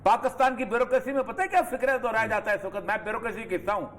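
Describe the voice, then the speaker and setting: A man from Pakistan giving emphatic, lecturing political commentary on a TV studio talk show. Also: very high voice. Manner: emphatic, lecturing, rising forcefully on key points.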